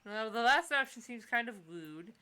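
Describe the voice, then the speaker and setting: A woman's voice: a little high, animated, moderate pace, pushed and bright. A woman streaming a game, chatting casually and reading aloud. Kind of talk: casual playthrough chat and read-aloud.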